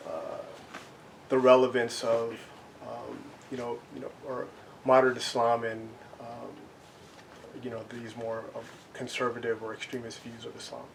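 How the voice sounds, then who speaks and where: A man's voice: mid-range voice, gravelly, slight background noise, low-quality recording. A man introducing himself at a Q&A as a convert, rambling a little with many fillers. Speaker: convert attending a Q&A. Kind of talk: self-introduction.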